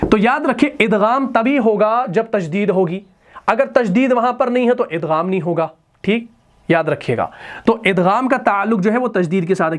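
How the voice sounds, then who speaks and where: High-voiced man teaching a grammar lesson. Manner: repeats key terms as questions to the students. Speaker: Quran and Arabic grammar teacher. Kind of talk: classroom lesson.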